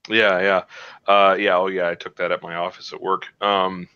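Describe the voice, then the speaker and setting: Low, bright-toned man chatting as a guest. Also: level tone, moderate pace, smooth, highs cut off. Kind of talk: casual interview chat. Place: office at work.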